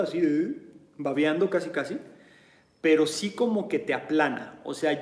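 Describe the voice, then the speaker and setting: Speaking in a roomy-sounding space, a man with a Mexican Spanish accent talks candidly and conversationally about his personal experience as a martial arts instructor. His voice is on the high side and a little mellow, and he frequently checks in with his listener by asking "¿sí?"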